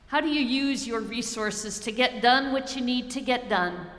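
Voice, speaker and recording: A middle-aged woman pastor delivers a sermon in a long, ringing church hall. Her voice is slightly high and bright, and she slows down to lean on the phrases that matter. The echo of the sanctuary hangs after each line. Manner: measured, slows to stress key phrases.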